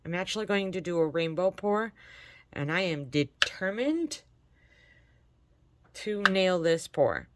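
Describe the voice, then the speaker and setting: This Michigan woman hosts a laid-back crafting tutorial, talking and encouraging viewers as she works, her voice stuffed up from allergies. She speaks slowly and expressively at a fairly low pitch, pausing often. A little background noise can be heard.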